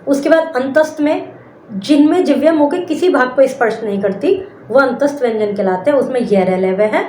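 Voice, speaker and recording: A woman with a fairly high voice teaching a grammar class. She explains step by step, stretches out example sounds and words, and often pauses on fillers. The room is echoey, with a faint hum of ambience. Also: warm tone.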